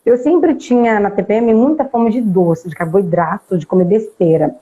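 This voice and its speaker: A woman from Brazil tells a personal story as an interview guest, lively and acting out bits of dialogue along the way. Her voice is mellow and warm, and it comes through a muffled, lo-fi live stream. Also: medium pitch, moderate pace.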